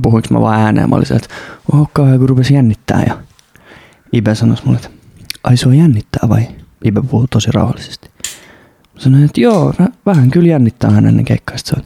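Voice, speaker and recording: A man's voice: mid-range voice, gravelly, dark tone, husky, dry recording. A young man, rambling and swearing a lot as he hosts a casual solo podcast. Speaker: podcast host. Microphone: studio mic close up.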